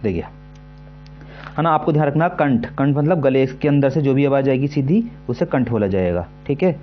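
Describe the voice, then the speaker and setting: A man teaching an exam-prep lesson, repeating himself often and slowly sounding out syllables to demonstrate them. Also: mid-range voice, expressive, dull audio, faint music behind. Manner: repetitive, keeps asking "है ना" and "ठीक है".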